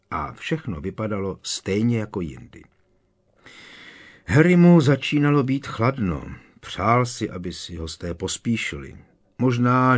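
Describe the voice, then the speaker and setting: A man reads a storybook aloud as narrator. His delivery is measured and expressive. The voice sits fairly low. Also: husky. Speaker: audiobook narrator. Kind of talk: scripted narration.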